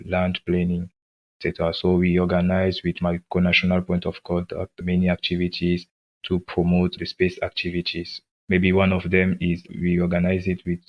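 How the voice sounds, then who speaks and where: A man from Cameroon answering interview questions, hesitant with many pauses and restarts. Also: low-pitched, highs cut off. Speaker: guest.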